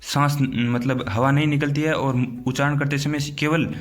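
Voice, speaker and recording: A man's voice: mid-range voice, steady tone, normal speed, soft background music. A man teaching an exam-prep grammar lesson, explaining step by step and answering his own questions. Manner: explains step by step, often asks "theek hai na?"; asks questions, then answers them himself.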